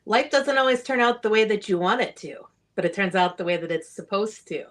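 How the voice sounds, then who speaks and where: A woman's voice: mid-range voice, lively intonation, brisk. Earnest woman author giving advice. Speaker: author guest. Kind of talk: interview answers.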